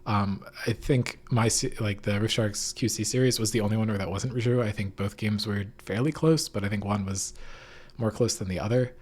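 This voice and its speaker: In an echoey, unfurnished room at home, a man with a lowish voice hosts a podcast recapping esports. He talks at a moderate pace, informal and hedging, with reverberant room sound throughout.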